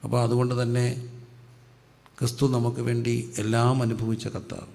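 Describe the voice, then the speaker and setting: Gravelly preacher asking and answering himself. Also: male voice, mid-range voice, flat delivery, a little fast, dark tone. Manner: asks questions and answers them himself, dropping his voice on the answer. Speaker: pastor. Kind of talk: sermon. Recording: hall reverb with faint background noise.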